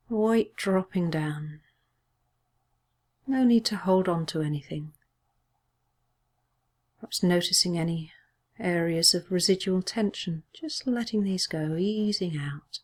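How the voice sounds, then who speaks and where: A mindfulness teacher with a fairly low-pitched voice guides listeners through a body scan meditation. She speaks gently and soothingly at a measured pace, pausing along the way.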